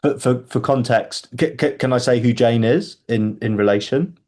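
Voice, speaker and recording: A man hosting a book club call, thinking out loud, repeating words and restarting his sentences often. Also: medium pitch, moderate pace. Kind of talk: casual group video call.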